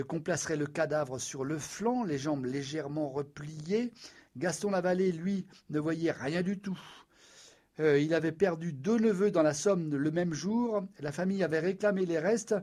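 A man narrating an audiobook in a measured, wry storytelling manner. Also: fairly high pitch, dark tone.

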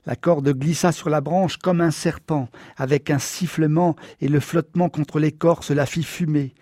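A man's voice: fairly high pitch, steady tone, measured pace, dark tone, dry recording, clean studio sound. Man reading a somber audiobook. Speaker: audiobook narrator. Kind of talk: scripted first-person narration.

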